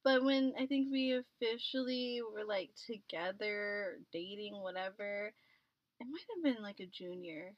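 A woman's voice: medium pitch, a little slow, dry recording. An American woman in her twenties telling personal stories as a casual podcast guest, giggly, slangy and self-deprecating, sounding muffled in a closet. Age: 20s. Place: small closet, seated on floor pillows. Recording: muffled, dull closet recording.

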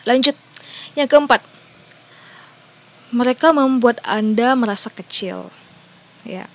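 A woman's voice: a little high, takes it slowly, a bit bright. A woman talking casually and directly to the listener, going through a list of points and reading some of them out. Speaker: advice talker. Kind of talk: casual advice talk to viewers.

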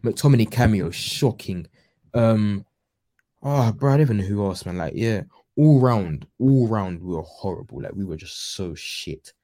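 A man's voice: on the low side, lively intonation, normal speed, warm tone. A young man with a London roadman accent, chatting casually about football in slangy, repetitive phrases. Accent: London, urban street slang. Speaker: football show panellist.

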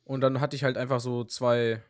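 A young man co-hosting a podcast, telling anecdotes in a lively, slangy way. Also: mid-range voice, moderate pace, dry recording, clean studio sound. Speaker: podcast co-host. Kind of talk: casual chat.

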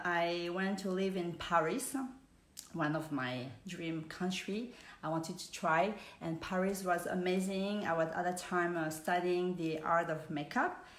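Softly low woman with roomy echo. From Switzerland. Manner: hesitant, many fillers, warm greetings. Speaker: business speaker. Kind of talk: live online presentation.

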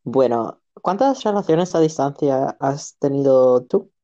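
A man's voice: mid-range voice, expressive, a little slow, mellow. Laid-back man on dull lo-fi audio. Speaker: guest. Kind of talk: casual interview chat.

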